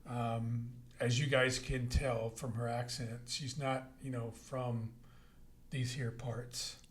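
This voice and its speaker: A man's voice: medium pitch, level tone, slow pace. A middle-aged man hosting a casual podcast interview, talking in a folksy, rambling way with plenty of fillers. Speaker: podcast host.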